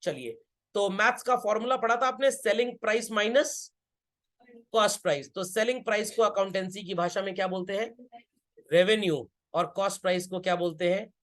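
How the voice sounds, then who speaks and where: A man's voice: high voice, normal speed, a bit bright. A man teaching an accountancy lesson, who keeps asking his students whether they have understood and repeats his key points. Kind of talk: classroom lecture.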